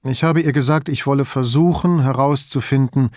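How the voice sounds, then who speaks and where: Man reading an older male commissioner, calm, wry, dry close sound, audiobook. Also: mid-range voice, normal speed, no room sound, lightly acted. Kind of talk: audiobook character voice.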